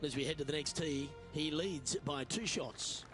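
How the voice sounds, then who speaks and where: A man's voice: a little high, moderate pace, a bit bright, soft background music. A man working as lead golf commentator, calling play live in short phrases.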